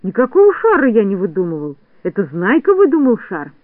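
A flustered little braggart of a storybook shorty, as a male reader puts him on, pitched high and pushed louder than plain talk. He protests excitably. The sound is narrow and tinny, dry and close. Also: a little fast, dry recording. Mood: flustered, defensive. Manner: defensive, excitable. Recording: dry phone-like narrowband audiobook.

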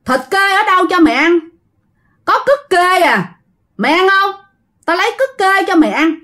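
A woman voicing an old, quick-tempered mother who scolds her son. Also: a little high, animated, natural voice. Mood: angry.

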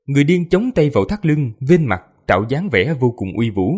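A male storyteller with a mid-range voice that rises and falls a great deal as he reads. His tone is slightly husky, and his narration is steady and expressive. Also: medium pitch, brisk. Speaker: audiobook narrator.

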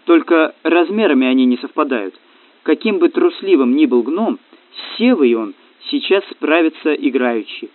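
A man narrating an audiobook story in a steady storytelling manner. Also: on the high side, normal speed, no echo. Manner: steady storytelling, slips into character voices. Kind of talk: scripted narration. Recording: tinny phone-like, dry.

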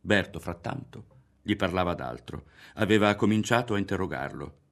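A man narrating a literary audiobook in a measured, expressive way. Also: low-pitched, gravelly. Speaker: audiobook reader.

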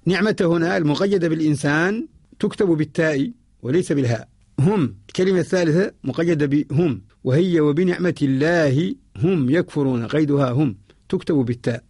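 A man with a Mauritanian accent gives a scholarly radio lesson. His voice sits a little high and sounds dry and close, with no room around it. He works through each example in a measured, methodical way and returns to the same set phrases. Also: a little mellow, slightly rough, dry recording. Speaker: Quran scholar teaching a poem. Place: radio studio.

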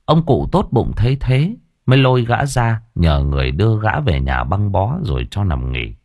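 A man narrating an audiobook in an earthy, colloquial and expressive storytelling style. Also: fairly low pitch, moderate pace, no echo.

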